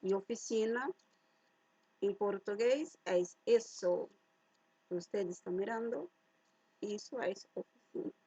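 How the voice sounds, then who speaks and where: A woman teaching a language lesson to Spanish speakers, explaining each word slowly and deliberately, mixing Spanish words into her Portuguese and stressing the key words loudly. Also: mid-range voice, husky, no echo, muffled recording.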